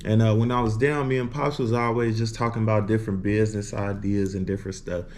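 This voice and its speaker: A man's voice: lowish voice, little pitch movement, quick pace, a little mellow. An American man from Illinois talking casually and slangily to vlog viewers, slightly lispy from wearing a retainer. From Illinois, United States. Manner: slangy, punctuates phrases with repeated filler tags. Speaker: vlogger.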